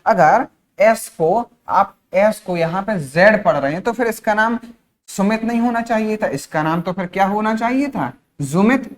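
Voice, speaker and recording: Man, from India, teacher, spoken-English lesson, slow word drills, asks and answers own questions, frequent check-ins. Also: high voice. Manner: repeats words slowly, asks and answers his own questions; frequent checking-in tag phrases.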